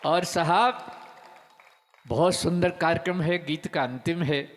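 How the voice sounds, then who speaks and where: A man's voice: on the high side, slow. An older man giving a live humorous poetry recital, half-singing his verses, repeating lines, chuckling and urging applause. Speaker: poet. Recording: long reverb of a live stage PA.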